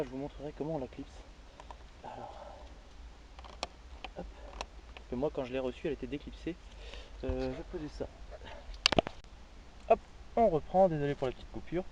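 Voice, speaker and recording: A man's voice: mid-range voice, muffled recording, background noise. A man walking through a car repair step by step in a casual how-to, full of fillers and restarts. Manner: hesitant, many fillers and restarts. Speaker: amateur car DIY tutorial maker.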